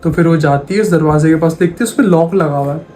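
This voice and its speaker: A man's voice: a little high, quick pace, dark tone, soft background music. A man telling a spooky story in a casual, conversational way, repeating phrases as he goes. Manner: retells dialogue in plain conversational voice, repeats phrases. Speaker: horror storyteller.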